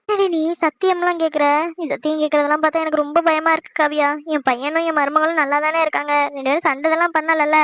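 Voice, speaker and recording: A woman doing a fretful cartoon mother who scolds fast and frets aloud. The voice is high and quick, recorded close and dry. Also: steady tone, fairly bright tone, dry recording. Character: worried talkative Tamil mother, middle-aged. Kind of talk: cartoon voice acting.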